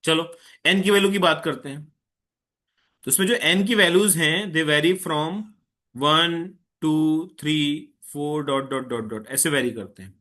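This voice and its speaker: With a sharp tone and a voice a little on the high side, a man runs an online chemistry class in a mix of Hindi and English. He regularly checks that students keep up and patiently asks an enthusiastic one to take it slower.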